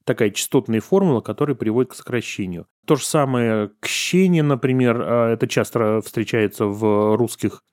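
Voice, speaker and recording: A man's voice: medium pitch, normal speed, hardly any pauses, darkish tone, dry recording, clean studio sound. A man giving an erudite explanatory lecture in Russian dialectology, with conversational asides.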